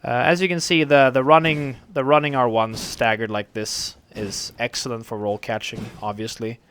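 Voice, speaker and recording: Male gamer narrating duels, gravelly from a dry throat, loose and rambling, slight background noise. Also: mid-range voice, moderate pace. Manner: rambling, relaxed, many fillers. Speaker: gameplay commentator. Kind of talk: casual game commentary.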